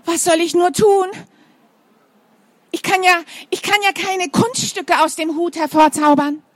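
A frantic storybook schoolteacher, put on by a woman reading aloud, her voice pitched high and stammering with alarm. She blurts out dramatic exclamations in a dry, close sound. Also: fairly even intonation, measured pace, no room sound. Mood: panicked. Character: flustered excitable female schoolteacher.

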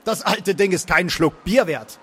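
A man voicing a portly, gruff innkeeper who sounds wary of a stranger. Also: high voice, normal speed, fairly bright tone. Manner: gruff, suspicious questioning.

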